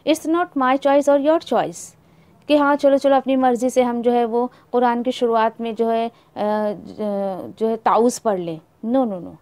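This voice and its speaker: Woman recitation teacher, unhurried, stretches out each word to demonstrate, drops in English phrases, dry recording. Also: fairly high pitch, fairly even intonation, a little mellow, dry recording. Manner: slow, drawn-out demonstration of Arabic pronunciation; mixes in English words. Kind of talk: Tajweed lesson.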